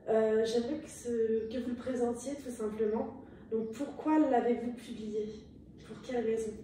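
A woman's voice: fairly high pitch, steady tone, normal speed, warm tone, a little hiss or hum. A woman in her twenties, a journalist hosting an interview in an informal style, with fillers. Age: 20s. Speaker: journalist and host. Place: indoor room, seated in armchair. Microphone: far camera. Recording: echoey room, mic at a distance.

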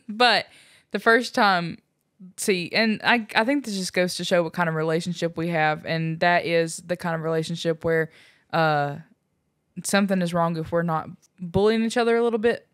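A woman's voice: lowish voice, normal speed, dry recording, studio quality. A young woman chatting casually with her husband, teasing him and telling stories with plenty of laughter. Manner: teasing, laughs often, storytelling. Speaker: co-host, wife. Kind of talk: casual couple chat.

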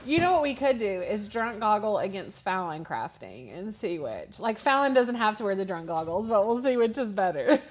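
A woman's voice: mid-range voice, very animated, a little slow, a little hiss or hum. A woman co-hosting a casual craft livestream, reading viewer comments aloud and laughing often. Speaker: co-host reading live chat.

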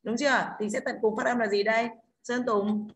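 With slight background noise behind her, a woman with a somewhat high voice teaches English online at normal speed and fairly even intonation. She has a Northern Vietnamese accent, goes through pronunciation rules step by step, and checks in frequently using "đúng không?".

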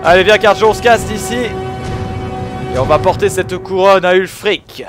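Man, high voice, gameplay commentary, game music behind. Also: moderate pace. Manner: excitable, swears, shouts at the game. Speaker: gaming video host.

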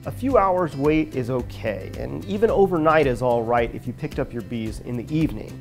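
A middle-aged man with a Midwestern American accent giving clear, practical step-by-step beekeeping instructions as a scripted narration. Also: mid-range voice, expressive, moderate pace, faint music behind. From United States.

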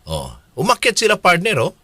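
A man's voice: high-pitched, huge pitch swings, fairly quick, bright, forceful tone, breathy edge, no room sound, studio quality. A man, co-hosting a casual commentary chat. He is chatty and laughs often, and he keeps calling his co-host partner.

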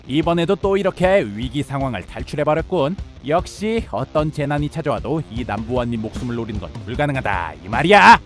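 An actor playing a boastful, panicky self-styled survival expert in a cartoon, self-important and melodramatic. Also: male voice, medium pitch, big pitch swings, brisk, a bit bright, soft background music. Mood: smug. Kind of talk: dramatic cartoon comedy acting with monologue.

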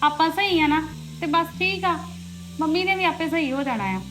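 A woman's voice: very high-pitched, moderate pace, over music. A woman playing a soothing elder sister-in-law. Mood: calm. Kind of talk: Punjabi family drama acting.

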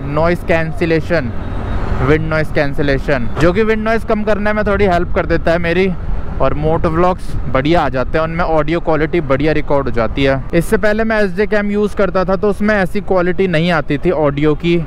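A chatty young man gives motovlog commentary while riding a scooter outdoors, his voice sitting a little high. He is recorded on a helmet mic. Faint traffic and wind noise run underneath. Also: brisk. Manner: chatty, explaining tips to viewers. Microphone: helmet mic recording from a ride.

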